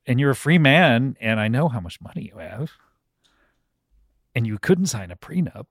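A man's voice: medium pitch, sing-song, moderate pace, slightly rough, dry recording, clean studio sound. A man co-hosting a podcast in casual, comedic banter with an informal, bantering manner. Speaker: podcast host.

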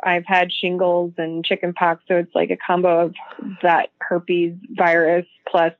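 Woman caller over the phone, flat and low. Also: unhurried, no echo. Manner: hesitant, short agreeing replies. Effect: heard over the phone. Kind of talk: call-in radio chat. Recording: muffled phone-line call.

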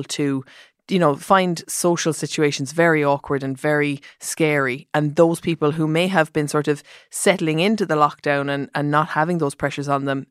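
Woman podcast host, chatty and easygoing, kinda thinking out loud. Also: sits low, dry recording, studio quality. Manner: chatty, informal, thinks aloud with fillers. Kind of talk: casual podcast intro and interview.

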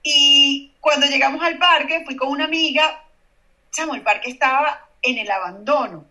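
A Venezuelan woman in her forties, a guest in an interview, telling stories in a lively way and acting out the dialogue. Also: sits high, moderate pace, distant mic, rough recording. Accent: Venezuelan Spanish. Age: 40s. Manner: animated storytelling, acting out quoted dialogue. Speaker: guest, oral surgeon. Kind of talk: casual interview chat.

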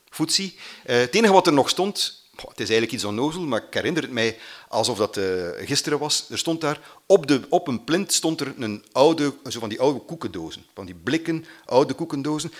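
A man telling a personal story, halting with fillers and acting out what people said. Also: medium pitch. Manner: halting, with many fillers, acts out quotes.

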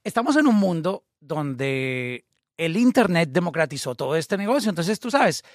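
A man's voice: on the high side, very animated, normal speed, no echo, clean studio sound. A man hosting a casual interview, asking thoughtful, probing questions. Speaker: podcast host.

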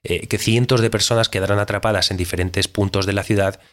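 In a scripted fictional interview show, an actor plays a podcast host questioning an astronaut, a direct, probing radio interviewer with no-nonsense questions. His male voice is low, steady and fairly quick, lightly acted, with a pressing mood and insistent questioning.

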